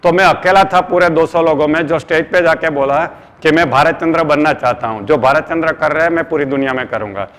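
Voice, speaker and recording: Speaking briskly in a slightly high, somewhat bright voice, this middle-aged Indian-accented trainer delivers an earnest motivational seminar talk. He addresses the audience as friends and slips in English phrases. The sound carries a long hall reverb.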